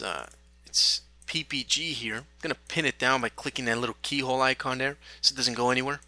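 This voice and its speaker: A man teaching a software tutorial, talking through each step in a relaxed way with small fillers. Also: mid-range voice, no room sound. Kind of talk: screen-recorded software tutorial.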